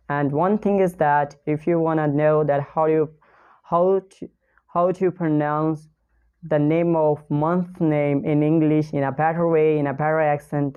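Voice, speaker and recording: A woman's voice: low-pitched, clean tone, narrow, tinny audio. A woman giving a casual online pronunciation lesson, chatty and repeating herself as she talks straight to her viewers. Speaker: English pronunciation teacher.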